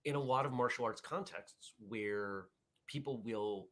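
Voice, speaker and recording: A man with a medium-pitched, slightly slow voice hosts a martial arts morning show as a casual live stream. He rambles and corrects himself, frequently restarting sentences and reading viewers' chat comments out loud.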